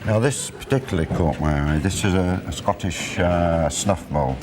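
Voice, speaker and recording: A man in his sixties talking informally to camera about antiques, chatty and unhurried, on a lapel mic in an auction room. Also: low-pitched. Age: 60s. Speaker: antiques buyer and presenter. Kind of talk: informal explanatory talk to camera. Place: large indoor auction room. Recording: busy crowd murmur behind.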